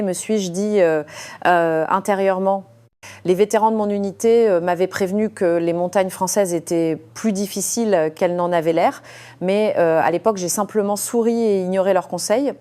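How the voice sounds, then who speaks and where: Mellow-voiced woman narrating a story. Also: medium pitch. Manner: calm storytelling read with frequent hesitations. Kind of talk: scripted first-person story narration.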